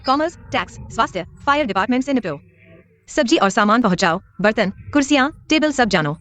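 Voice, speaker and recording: Brisk, bossy young woman. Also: fairly high pitch, animated, fairly bright tone. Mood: businesslike. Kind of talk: Hindi dub of a TV drama.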